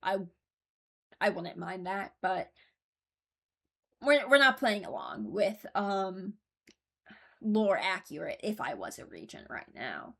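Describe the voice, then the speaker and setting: Here the host of a casual reaction video ranking game voice lines has a mid-range, slightly bright, gravelly voice with a sing-song lilt. She talks slowly and informally, pausing often as she thinks through her opinions aloud.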